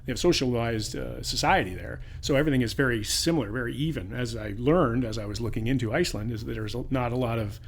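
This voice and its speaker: A man co-hosting a podcast, chatting casually about a crime series, rambling with restarts and getting animated when he retells scenes. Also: medium pitch, fast talker, gravelly, few pauses, breathy edge. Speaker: podcast co-host. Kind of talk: casual review chat.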